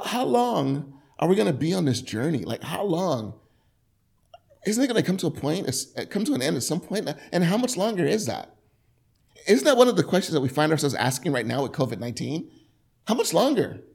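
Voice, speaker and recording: A middle-aged man preaching a sermon in a conversational, animated way, often restarting his sentences. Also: on the high side, vocal fry. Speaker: pastor.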